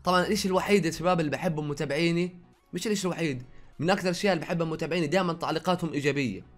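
A young adult Jordanian YouTuber with a voice on the high side chats very fast and slightly raised, mixing some Saudi words into his Jordanian Arabic. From his own room, he casually reads his viewers' questions aloud and answers them one after another.

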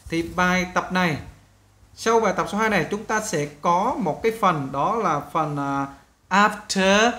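A man with a high, sharp-toned voice teaches students an English listening lesson. He walks through it step by step, modeling each English word slowly and repeating it several times.

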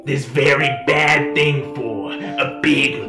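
A man's voice: medium pitch, steady tone, slow pace. A man doing a blustering mobster crook. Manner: loud, repetitive, rambling name lists. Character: bumbling male mobster crook, money-obsessed. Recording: roomy echo, faint music.

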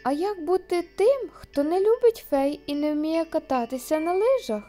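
A woman's voice: extremely high pitch, animated, moderate pace, pitched above the performer's own voice. A woman voicing a grumpy male wolf who schemes but is secretly timid, in a children's storybook. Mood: grumbling. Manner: grumbling, loud.

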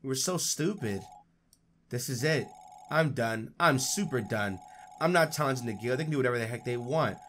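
A man reading the lines of a defeated, fed-up young male tamer, flat and resigned. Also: medium pitch, normal speed, a little hiss or hum, voice pushed down, natural voice. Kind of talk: reading game dialogue aloud.

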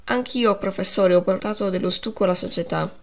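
A woman's voice: mid-range voice, brisk, vocal fry, natural voice. A woman reading the part of a bold, flippant schoolboy dandy speaking firmly to his teacher. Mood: cheeky. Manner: jaunty, self-assured.

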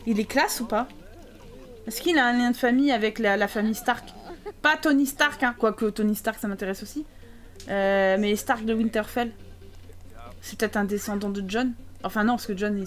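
High-voiced chatty woman streaming a game. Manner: chatty, teasing and sarcastic toward viewers. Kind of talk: live gameplay commentary reading chat.

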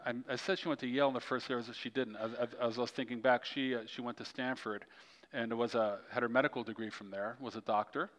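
A male pastor preaching a sermon with animated storytelling. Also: fast. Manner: storytelling, animated swings in pitch and loudness. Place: large church hall. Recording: long church hall reverb.

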